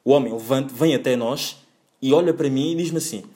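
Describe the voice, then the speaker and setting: A man's voice: mid-range voice, brisk, dark tone. A young man with a European Portuguese accent telling a casual storytime, rambling, slang-heavy and full of self-corrections and fillers. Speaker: vlogger.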